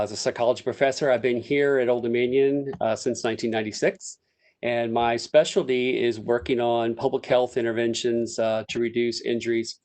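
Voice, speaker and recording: A man in his fifties, a psychology professor, moderating a panel with organized, brisk introductions. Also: mid-range voice, darkish tone.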